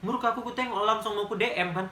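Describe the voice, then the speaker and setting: Young man, 20s, Medan accent, emphatic casual storytelling, fairly high voice, roomy echo. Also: quick pace, sharp tone, a little hiss or hum. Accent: Medan Indonesian. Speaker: vlogger.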